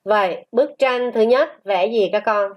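A woman teaching a first-grade reading lesson, spelling out syllables slowly and repeating short rhymes for children. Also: on the high side. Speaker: primary school teacher.

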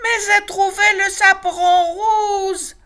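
A woman voicing a tiny, eager female wolf cub who shouts shrilly. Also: very high-pitched, fairly even intonation, slow, pitched above the performer's own voice, exaggerated voice. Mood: excited shouting.

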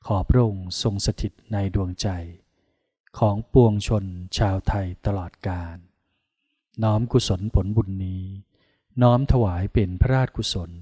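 Calm Thai monk guiding meditation. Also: male voice, lowish voice, no room sound, studio quality. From Thailand. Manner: slow, calm, soothing instructions with pauses. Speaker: Buddhist monk meditation teacher. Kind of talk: guided meditation.

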